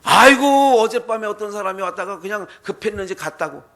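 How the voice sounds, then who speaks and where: Man doing a fawning rich country host, eager, effusive, high voice, bright tone. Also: quick pace, vocal fry, exaggerated voice.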